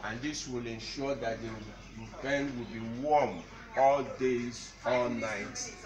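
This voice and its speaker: A man's voice: medium pitch, steady tone. A young man teaching on site in a poultry shed, explaining step by step, filmed by a camera a few metres away. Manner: slow, deliberate, explaining step by step. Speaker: poultry farm instructor. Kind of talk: on-site instructional walkthrough. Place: large poultry shed with tin roof, indoors. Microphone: camera mic, filmed from a few metres. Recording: echoey shed with farm noise. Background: birds and farm ambience.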